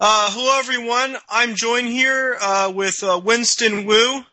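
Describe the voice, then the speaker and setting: A man's voice: very high-pitched, fairly even intonation, unhurried, pushed and bright, soft background music. A man hosting an interview show, asking questions hesitantly with many "uh" fillers. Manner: hesitant, fills with "uh". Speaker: podcast host.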